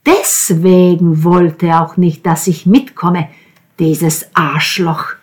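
A woman reading aloud, voicing an angry, jealous young man who shouts bitterly. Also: on the low side, level tone, slow.

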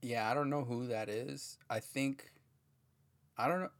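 A man co-hosting a podcast in laid-back casual chat, often trailing off into quieter asides. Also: medium pitch, fairly even intonation, unhurried.

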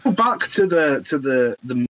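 A young man chats casually, throwing out joke guesses and laughing a lot. His pitch swings freely and his tone is bright and forward, recorded dry and close. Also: big pitch swings, measured pace, no room sound, rough recording. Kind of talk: casual chat.

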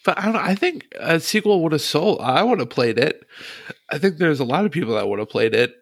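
A man's voice: on the high side, very animated, fairly quick, no room sound, studio quality. A man hosting a casual gaming podcast, chatty and frank, laughing often. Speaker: podcast host.

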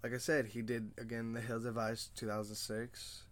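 A man's voice: mid-range voice, flat delivery, normal speed. A young adult man hosting a casual movie discussion podcast, rambling loosely with many fillers and self-mocking jokes. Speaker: podcast host.

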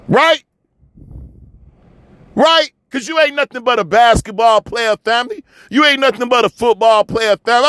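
A man's voice: very high-pitched, sharp tone, smooth, dry recording. A man from Chicago delivering a fiery, repetitive, preachy monologue rant, often swearing as he hammers his points home. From Chicago, USA. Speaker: commentator.

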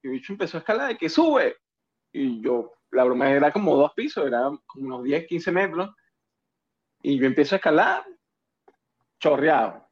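A Venezuelan man spins animated, joking anecdotes among friends. His voice runs a little high. The sound is dull and lo-fi. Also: normal speed, pauses often, slightly rough. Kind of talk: casual chat among friends. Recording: muffled lo-fi sound.

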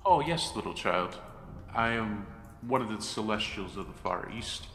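A man voicing a tall, condescending male sun god who speaks slowly and grandly, with reverb added. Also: on the low side, lively intonation, fairly bright tone, soft background music. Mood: lofty. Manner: slow, grand and lofty. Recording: long echoing reverb.

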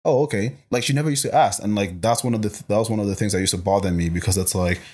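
Fast-talking, animated personal trainer guy. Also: on the low side. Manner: rapid and animated, full of fillers and acted-out quotes. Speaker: personal trainer, podcast guest. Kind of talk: casual podcast conversation.

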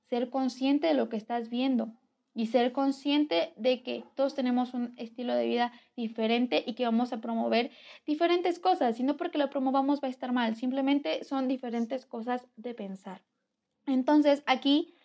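A woman's voice: sits high, highs cut off. A young woman with a Mexican accent giving earnest, conversational advice in a casual talk to her viewers. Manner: earnest, conversational, lively emphasis. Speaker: vlogger. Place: home near a railway.

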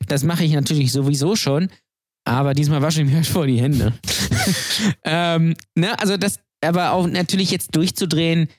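A man rambles through his opinions on a podcast, packing his talk with fillers. His voice sits a bit high and sounds dry and close to the mic. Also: fairly even intonation, moderate pace, dry recording. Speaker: podcast co-host. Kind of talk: casual podcast banter.

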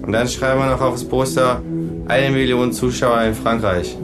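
A man's voice: mid-range voice, flat delivery, moderate pace, loud music behind the voice, pitched above the performer's own voice, close to an everyday voice. A man voicing a smug know-it-all kangaroo in a comic audiobook reading, dry and lecturing.

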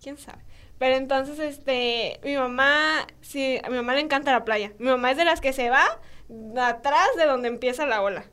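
A woman's voice: high-pitched, normal speed, smooth. A young woman with a Mexican Spanish accent, a podcast guest telling stories in casual chat, acting out voices with lots of fillers. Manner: animated storytelling, acting out dialogue, frequent fillers.

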